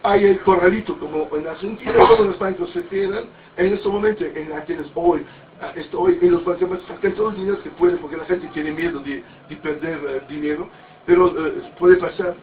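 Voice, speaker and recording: High-voiced man on a distant tinny recording. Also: fairly even intonation, fairly quick. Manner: rambling and anecdotal, with many restarts and crude words. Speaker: speaker at a parody mass. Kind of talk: informal sermon-like talk. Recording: distant, tinny, faint background noise.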